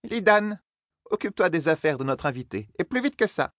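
A man's voice: sits high, sing-song, a little fast, fairly bright tone, no room sound, clean studio sound, voice pushed up. A man putting on a flustered clucking innkeeper woman. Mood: bustling. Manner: scolding, clucking like a flustered mother hen. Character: fussy bustling middle-aged female innkeeper. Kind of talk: audiobook character voice.

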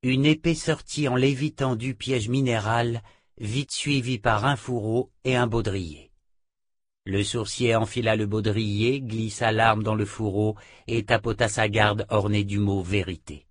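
A man narrating a fantasy audiobook in a measured voice. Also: lowish voice, steady tone, no room sound.

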